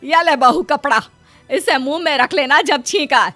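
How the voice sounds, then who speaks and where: A woman's voice: sits high, a little slow, bright, forceful tone, no room sound, faint music behind. A woman voicing a bossy, scolding middle-aged mother-in-law in a cartoon story.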